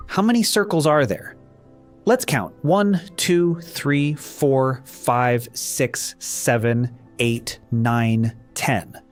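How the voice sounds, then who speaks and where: A man leading a counting lesson for young children, asking how many shapes there are and counting them aloud one by one. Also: medium pitch. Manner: slow, sing-song counting with questions and answers. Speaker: children's math teacher. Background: faint background music.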